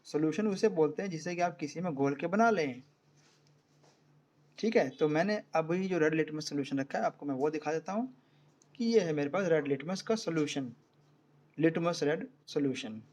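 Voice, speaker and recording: A man's voice: a little high, normal speed, a little mellow. A man with an Indian accent teaching an online science class in Hindi, explaining step by step and often checking whether students follow.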